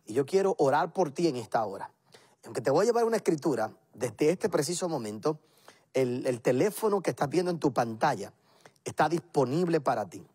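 A man's voice: on the high side, sing-song, fairly quick, darkish tone, breathy edge. A man, a pastor, preaching and praying on a televised program, earnest and building his points in emphatic repeated lists. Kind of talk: televised sermon and prayer.

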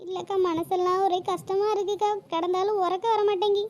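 A woman voicing a grieving young mother in a cartoon, pleading and lamenting with a very high, squeaky voice. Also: level tone, fairly quick, a little mellow, slight background noise. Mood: tearful lament. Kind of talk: cartoon voice acting.

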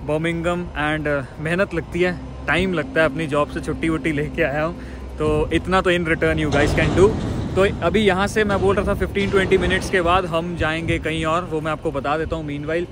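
Young man, casual phone-selfie vlogger, slightly high voice, noisy outdoor recording with vehicles behind. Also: little pitch movement, moderate pace. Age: young adult. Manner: chatty, mixes Hindi and English. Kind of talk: casual vlog talk to camera. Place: outdoors at a truck depot and inside a truck cab. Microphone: phone held at arm's length.

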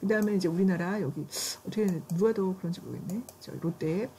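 A Korean woman teaching English vocabulary in a classroom, brisk and checking in with her students often. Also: lowish voice, warm tone, slight background noise.

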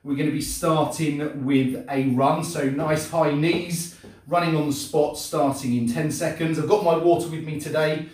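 A man's voice: fairly high pitch, fairly even intonation, moderate pace, a little mellow. Echoey, distant middle-aged male fitness instructor. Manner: coaching during exercise in short encouraging commands. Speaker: fitness and martial arts instructor. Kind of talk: live-streamed exercise class instruction. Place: indoor home gym, hard walls. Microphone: distant camera mic across the room. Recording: echoey room, far from the mic.

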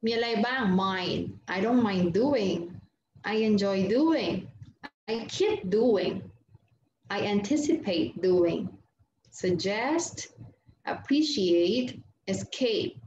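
Slow-speaking Thai teacher, roomy sound. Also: female voice, mid-range voice, lively intonation, a little mellow. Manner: switches between English and Thai, reads word lists, asks and answers her own questions. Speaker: English teacher. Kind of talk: online grammar lesson. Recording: roomy, dull lo-fi sound with faint noise.

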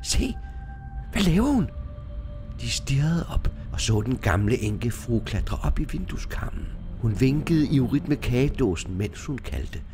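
Brief: male storyteller, expressive narration, animated intonation. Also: mid-range voice, hardly any pauses, over music.

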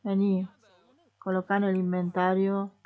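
A woman's voice: medium pitch, completely flat delivery, unhurried, narrow, tinny audio. Chatty Rioplatense woman narrating gameplay. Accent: Rioplatense Spanish. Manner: chatty, talks to herself and the game characters. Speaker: gaming streamer. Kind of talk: casual gameplay commentary.

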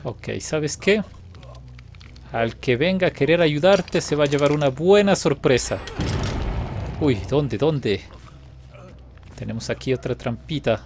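A man giving playful, taunting live commentary while playing a game, now and then breaking into excited laughter. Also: a little high, measured pace, long pauses. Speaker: gaming video host.

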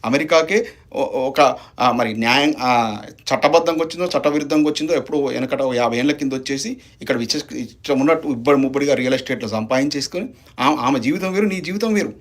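A man's voice: mid-range voice, fast. A man giving a heated political statement, firing off accusations and rhetorical questions. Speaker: opposition party leader.

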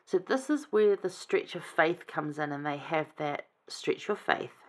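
Woman, casual scripture lesson, chatty and enthusiastic, slightly low voice. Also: lively intonation, measured pace. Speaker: scripture study teacher.

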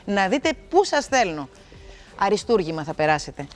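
A woman's voice: medium pitch, soft background music. A middle-aged woman hosting a TV game show, talking to viewers in a chatty, playful way. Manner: lively, chatty and playful, talks straight to viewers. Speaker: TV show host.

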